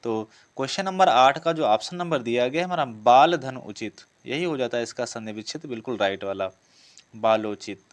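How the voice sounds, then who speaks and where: Working through exam practice questions, a male teacher repeats each one before giving the answer. His voice is medium-pitched and animated, and he moves at a moderate pace.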